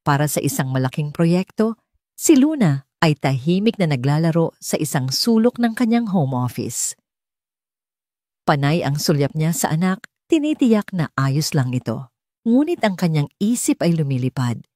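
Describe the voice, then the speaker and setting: A woman with a Filipino accent narrates a dramatic audiobook story from a script, using a deep, dark voice with big pitch swings at normal speed. No room sound intrudes on the clean studio recording.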